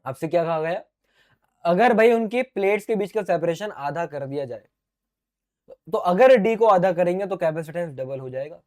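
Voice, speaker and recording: A middle-aged man teaching physics in an online exam-prep lecture. He is playful and animated, answers himself in a student's voice, calls the viewers his dear children, and his throat is getting sore. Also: high voice, normal speed.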